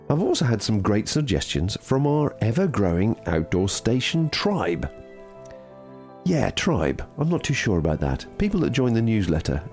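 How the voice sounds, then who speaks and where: A British man hosting a podcast from a quiet office, chatty and scripted, with a jocular, self-deprecating manner. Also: on the low side. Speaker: podcast host.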